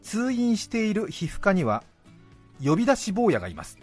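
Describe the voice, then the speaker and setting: 生き生きと話す男性ラジオ司会者. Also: male voice, sits high, moderate pace, breathy edge, soft background music. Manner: lively, reads letters with playful voiced quotes. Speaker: radio host. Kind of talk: casual radio chat and reading listener letters. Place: radio studio. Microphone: studio microphone.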